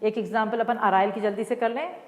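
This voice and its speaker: A woman's voice: a little high, steady tone, fast talker. A woman. She explains step by step and affectionately addresses her students. Her voice rings with a long echo, as in a bare room. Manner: explains patiently, mixing Hindi and English, calls students "beta". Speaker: chemistry teacher. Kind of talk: online class lecture.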